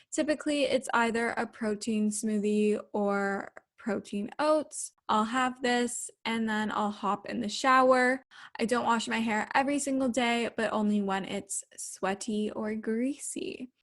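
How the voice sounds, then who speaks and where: A woman casually narrating her daily routine like a lifestyle vlogger, chatty and explanatory. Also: fairly high pitch.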